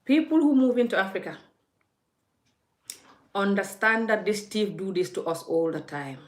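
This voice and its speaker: Recorded in an echoey room, a woman with a mid-range voice and moderate pace delivers an impassioned vlog rant. She is forthright and scolding, speaking straight to the viewer as she argues her point.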